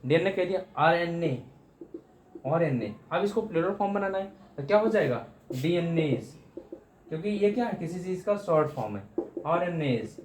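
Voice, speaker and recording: A man's voice: on the high side, animated, moderate pace, a little hiss or hum. Echoey male Hindi grammar teacher. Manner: repeats terms, addresses students as friends. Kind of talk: Hindi exam-prep grammar lesson.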